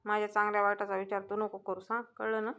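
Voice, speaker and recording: A woman's voice: medium pitch, flat delivery, fast talker, dull audio, natural voice. A woman reading a fierce, scolding young wife. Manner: sharp, scolding threats.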